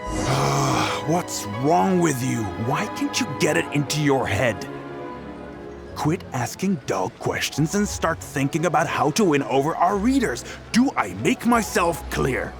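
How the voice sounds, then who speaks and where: An actor playing a sleazy, bullying tabloid editor who mocks and threatens a young reporter, in game audio with music behind. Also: male voice, fairly high pitch, very animated, a little slow, vocal fry, heavily acted. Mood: sneering. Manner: sneering, bullying, mocking. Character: sleazy scheming male tabloid editor, middle-aged. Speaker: game character. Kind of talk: video game voice acting.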